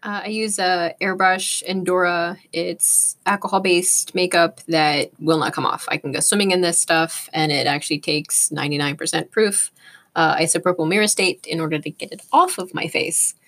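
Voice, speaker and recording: A woman's voice: fairly low pitch, steady tone, moderate pace, a bit bright. A woman in casual chat, explaining things in a matter-of-fact way.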